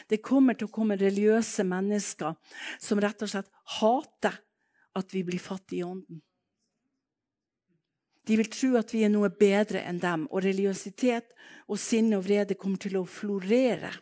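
A woman preaching a sermon, telling stories in a lively way and breaking into fervent exclamations. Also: mid-range voice.

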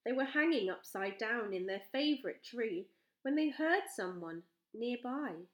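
A woman reading a children's storybook aloud, slowly and with expression. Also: fairly high pitch, lo-fi sound. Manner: slow, expressive. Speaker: storybook reader. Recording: roomy echo.

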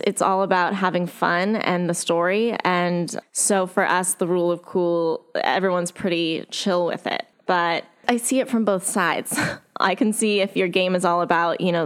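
A woman, an actress and game master, chatting as a guest in a casual interview, animated and laughing often. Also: lowish voice, clear, resonant tone. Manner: animated, laughs often, lively acted quotes.

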